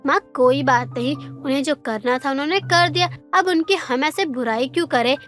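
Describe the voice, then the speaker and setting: A woman voicing a patient, polite young tailor in a cartoon story, speaking gently and respectfully. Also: high voice, moderate pace, faint music behind. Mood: reassuring.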